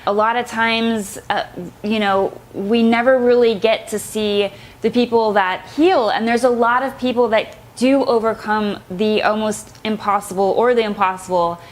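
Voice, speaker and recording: A woman's voice: fairly high pitch, steady tone, moderate pace. A woman nurse hosting her channel, introducing a guest in an earnest, chatty way with frequent fillers. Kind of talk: casual introduction to camera.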